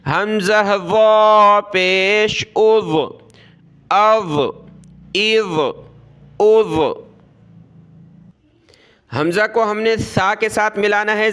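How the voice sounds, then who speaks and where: A man teaching Quranic letter pronunciation, drilling syllables slowly and explaining quickly between them in a patient, corrective way. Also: high-pitched, a bit bright. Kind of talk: recorded recitation lesson.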